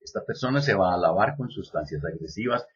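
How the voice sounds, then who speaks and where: A man giving a lecture, reading a text aloud at an even pace and adding slow joking asides. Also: low-pitched, slightly rough, dull audio. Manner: reads steadily, then drops in slow joking asides. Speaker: lecturer on biodecoding.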